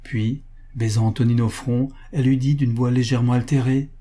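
A man narrating a classic novel in a measured, expressive audiobook reading. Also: medium pitch.

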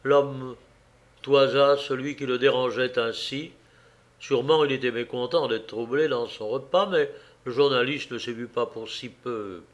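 A man narrating a classic novel as an audiobook, reading in an expressive, theatrical way. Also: medium pitch, a little slow.

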